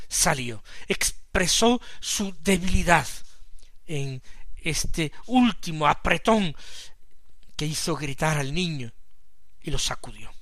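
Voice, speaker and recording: A man from preaching a radio Gospel reflection, slow and measured, with sudden emphatic swells in loudness. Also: sits high, no room sound. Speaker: preacher commenting the daily Gospel.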